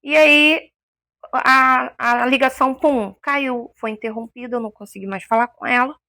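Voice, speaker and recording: A woman's voice: high-pitched, fairly even intonation, moderate pace, sharp tone, dry recording. A woman giving an emotional personal testimony as an interview guest, a vivid storyteller who acts out the voices she quotes.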